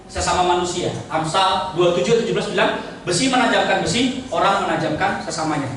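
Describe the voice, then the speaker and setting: A man with an Indonesian accent preaching a lively, joking sermon and calling out to the congregation. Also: high-pitched, a little fast, slight background noise. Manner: jokey, animated, calls out to the congregation. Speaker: pastor. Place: church hall. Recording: echoey church hall, mic at a distance.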